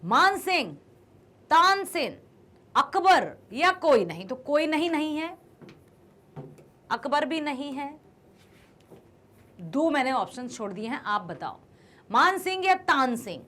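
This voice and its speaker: A woman's voice: high voice, sing-song, slow pace, pauses often, sharp tone. A woman teacher going through quiz questions with students, asking questions, praising their answers and stressing careful pronunciation. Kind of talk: Hindi quiz lesson for students.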